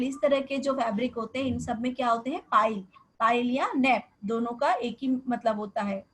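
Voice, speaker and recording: A woman's voice: a little high, fairly bright tone, poor audio. A woman teaching a class on garment terms with a Hindi accent. She explains step by step and often poses questions to her students.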